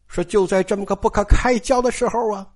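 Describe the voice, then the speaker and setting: A storyteller retelling a classic novel in a lively, colloquial manner with frequent exclamations. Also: medium pitch, brisk.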